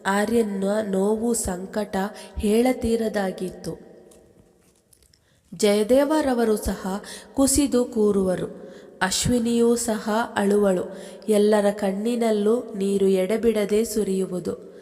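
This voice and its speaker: A woman reading a romantic story aloud as a storyteller, in a steady, measured narration. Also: medium pitch, faint music behind. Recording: long reverb.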